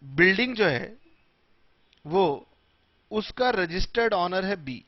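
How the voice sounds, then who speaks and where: A man teaching tax law in a classroom lecture, mixing Hindi and English in a slow, emphatic way. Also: high-pitched, lively intonation, dry recording, muffled recording.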